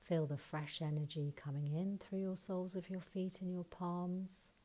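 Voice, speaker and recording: A woman leading a guided breathing exercise, counting breaths and giving calm, soft instructions, sometimes close to a whisper. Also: on the low side. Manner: slow soothing counting instructions.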